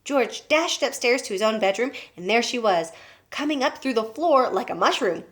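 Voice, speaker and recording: Animated woman reading aloud to a class. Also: fairly high pitch, moderate pace. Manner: animated, pointing out the pictures. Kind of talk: reading a children's book aloud.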